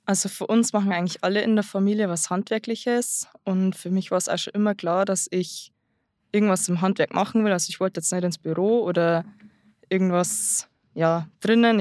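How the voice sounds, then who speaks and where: A nineteen-year-old woman, an apprentice-trained carpenter appearing as a guest, answers interview questions about her trade in a casual, hesitant way with frequent fillers and restarts. Her voice is fairly low-pitched, fairly quick, and a little mellow, captured in a dry recording with clean studio sound.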